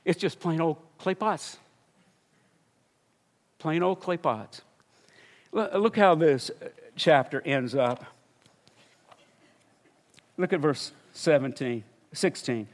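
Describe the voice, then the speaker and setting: A man's voice: on the high side, slow pace, long pauses. An older man, a missionary preacher, telling a story in a sermon and building to fervent exclamations.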